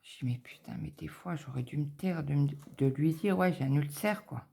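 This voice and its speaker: A woman's voice: sits low, moderate pace, vocal fry, dark tone, husky. A middle-aged woman chatting casually and anxiously, rambling with many fillers and repetitions. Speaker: cross-stitch vlogger.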